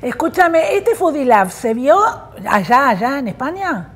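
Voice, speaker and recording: A woman's voice: high voice, sing-song, unhurried. A woman with an Argentine accent hosting a TV talk show, asking questions in an enthusiastic, effusive way. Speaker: TV host.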